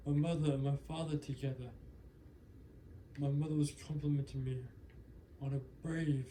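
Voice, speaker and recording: A man's voice: fairly high pitch, warm tone, slight background noise, natural voice. A man narrating as a frightened young female wolf pup, telling her escape in first person with earnest, breathless urgency.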